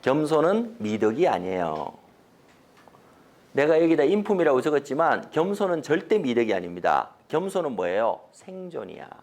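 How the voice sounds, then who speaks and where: A middle-aged man giving a corporate training lecture, telling stories with loud and soft swings, asking the audience questions. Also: fairly high pitch, moderate pace. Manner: animated storytelling, swings from loud to soft, acts out quotes; mixes polite and blunt casual speech, asks the audience questions.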